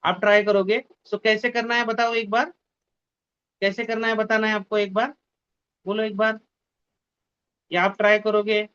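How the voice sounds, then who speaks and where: A man's voice: sits high, level tone, moderate pace, pauses often, a bit bright, clean tone, no echo, dull audio. Man teaching math in an online class. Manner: mixes Hindi and English, repeats instructions, scolds students to mute mics. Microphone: video call.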